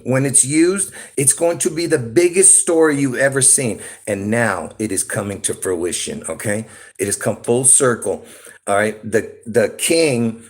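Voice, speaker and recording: A YouTube livestreamer from Lebanon rambles through a solo monologue on his phone, his voice medium-pitched. He meanders, laughs often, and keeps pausing to ask "okay?" or "all right?"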